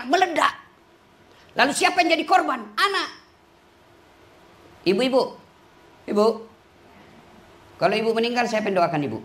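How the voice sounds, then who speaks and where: A male Islamic preacher giving a humorous sermon to women, teasing and lively, with big swings in pitch. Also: slight background noise.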